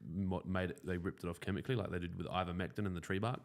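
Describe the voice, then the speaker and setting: Deep, creaky-voiced broad Australian man. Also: fairly even intonation, very fast. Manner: broad Australian, blokey, sweary, joking. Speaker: host of a lawn care show. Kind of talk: casual live chat answering viewer questions.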